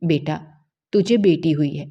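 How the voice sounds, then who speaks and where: A woman's voice: deep voice, warm tone, breathy edge, muffled recording. A woman voicing a frightened old village midwife who pleads tearfully in a storybook tale. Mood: fearful.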